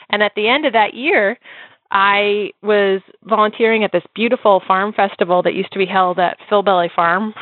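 A woman telling her story as an interview guest, animated and laughing often as she talks. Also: medium pitch, dry recording. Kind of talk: casual storytelling. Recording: dry, phone-like lo-fi line.

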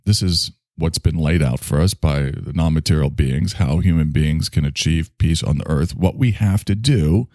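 A man's voice: very deep voice, normal speed, few pauses, darkish tone, dry recording, clean studio sound. A man in his sixties hosting a solo podcast, rambling and joking at his own expense. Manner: rambling, self-mocking, jokey. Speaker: podcast host.

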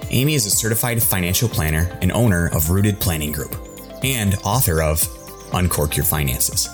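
A man's voice: low-pitched, animated, normal speed. A man reading a scripted promotional introduction as a podcast announcer. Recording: music bed behind voice. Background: music.

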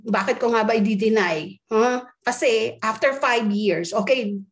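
A woman recounts an eerie experience in a relaxed, conversational way. Her voice sits a bit high, and she animates the story by acting out what others said. The delivery is casual and expressive. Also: measured pace. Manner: animated, acts out quoted dialogue with voices. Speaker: guest telling a ghost story.

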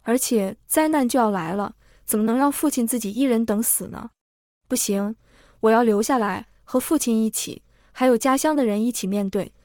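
A woman narrating a serialized story in a steady reading voice. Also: on the high side, moderate pace, no echo, clean studio sound.

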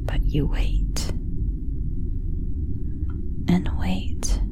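A woman whispering a slow guided visualization story in the second person, in a soft unvoiced whisper.

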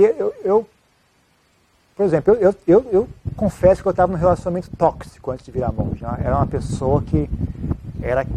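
A man, a monk answering an interview question in a casual, halting way with many restarts. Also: fairly high pitch, background noise. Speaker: Buddhist monk giving advice.

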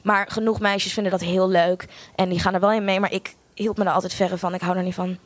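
A woman's voice: medium pitch, flat delivery, a little fast, dry recording. A young woman tells a personal story in a frank, sardonic way, with self-mocking humor and free swearing.

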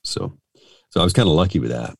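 A man's voice: extremely low pitch, lively intonation, fast, gravelly, no room sound. A middle-aged man from the United States, a radio host and voice actor, telling stories in an interview with lots of fillers and restarts. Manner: rambling, full of fillers and restarts. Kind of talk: casual storytelling in an interview.

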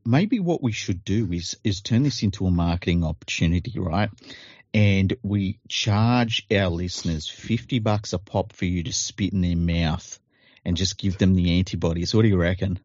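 A man co-hosting a podcast, chatting casually in a deadpan, teasing, sweary way. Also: low voice, moderate pace, dry recording, dull audio. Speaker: podcast co-host. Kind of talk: casual chat.

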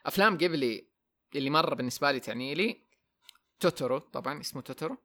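A man's voice: on the high side, very fast, bright, forceful tone. A young man hosting a casual podcast chat, rambling, repeating words and slipping into English. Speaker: podcast host.

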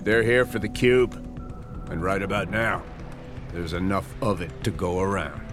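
An actor playing a no-nonsense, wry veteran hero in an audio drama. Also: male voice, deep voice, steady tone, a little slow, over music. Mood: grim.

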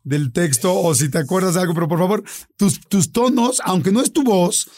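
A man with a Mexican accent hosting a casual podcast chat, animated and jokey, steering his guests. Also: high-pitched, moderate pace, no echo, clean studio sound. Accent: Mexican Spanish. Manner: animated, jokey, directing the others. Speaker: host.

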